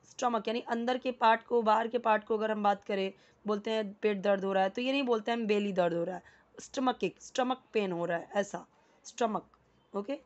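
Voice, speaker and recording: A woman's voice: on the high side, dull audio. A woman teaching a casual lesson, patiently explaining and repeating words, often checking in with the listener. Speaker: English teacher.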